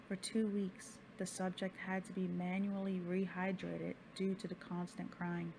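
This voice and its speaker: A woman reading a scripted horror story as a storyteller, phrase by deliberate phrase. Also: medium pitch. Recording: background noise and ambience.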